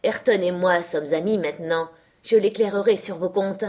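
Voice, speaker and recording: A woman's voice: fairly low pitch, normal speed, darkish tone, close to an everyday voice. A woman doing a defiant, insolent young woman. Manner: bold, taunting retorts.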